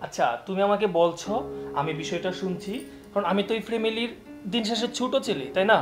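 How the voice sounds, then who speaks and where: A man's voice: high-pitched, fast talker, music in the background, close to an everyday voice. An actor playing a younger son who soothes his wife and urges his brother to act. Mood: reassuring. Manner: coaxing, reassuring. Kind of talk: village TV drama acting.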